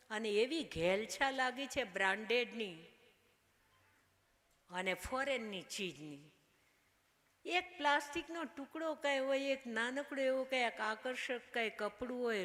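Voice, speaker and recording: A woman's voice: medium pitch, fairly bright tone. Older woman preaching in a hall. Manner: homely, chiding, asks the crowd questions. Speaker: Ramayana storyteller. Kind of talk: devotional discourse to a gathering. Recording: long hall reverb.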